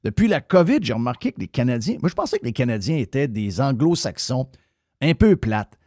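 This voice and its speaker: On a radio talk show, a man with a Québécois French accent rants bluntly with his opinions and swears freely. His mid-range voice is very animated, a little fast and slightly mellow, captured in clean studio sound without echo.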